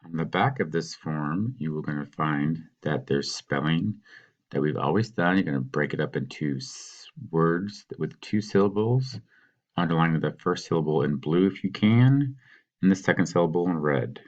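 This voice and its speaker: A man teaching, patiently talking students through a worksheet and sounding out words slowly. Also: extremely low pitch, lively intonation, muffled recording. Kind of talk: recorded classroom walkthrough.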